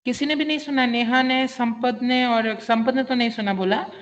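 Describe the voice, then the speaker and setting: A man's voice: very high voice, fairly even intonation, normal speed, a bit bright. A man teaching an online vocabulary class, mixing Hindi and English, spelling words out and quizzing his students. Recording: dull lo-fi audio.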